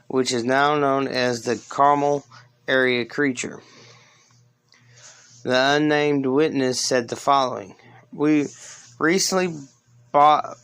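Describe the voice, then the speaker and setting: A man reading scripted narration as a podcast host, with casual asides and halting stumbles that he corrects. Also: mid-range voice, fairly bright tone, clean tone. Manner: halting, stumbles over words and corrects himself.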